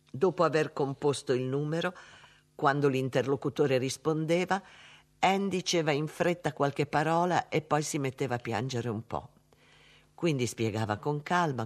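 A man narrating a story in a slow, measured, subdued way. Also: mid-range voice. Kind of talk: audiobook narration.

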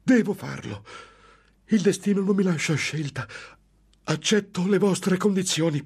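A man's voice: sits high, measured pace, darkish tone, breathy edge, pitched above the performer's own voice, exaggerated voice. A man voicing a frightened, cowardly male monk who pleads desperately. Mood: fearful.

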